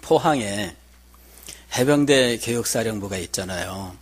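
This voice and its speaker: A man's voice: lowish voice, animated, a little slow, husky. A middle-aged man preaching a sermon as pastor, telling a personal story in a conversational way and asking the congregation questions.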